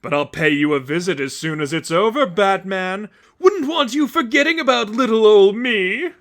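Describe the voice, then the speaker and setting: Shrill, manic Joker villain voice. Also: male voice, moderate pace. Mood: manic glee. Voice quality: high, shrill, loud. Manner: theatrical, exclamatory, taunting. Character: manic, gleeful male comic-book supervillain clown.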